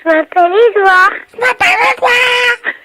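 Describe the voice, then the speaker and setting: A man's voice: normal speed, heavy background noise. A man voicing a childlike talking parrot-woodpecker bird over the phone, repeating words in broken phrases. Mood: squawky, curious. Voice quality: shrill, gravelly. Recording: phone line.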